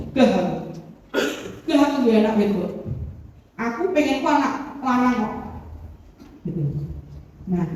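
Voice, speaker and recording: A woman psychologist with a Javanese accent giving a lively seminar talk, telling stories and slipping into local phrases. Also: a little high. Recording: echoey hall, mic far off, faint room noise.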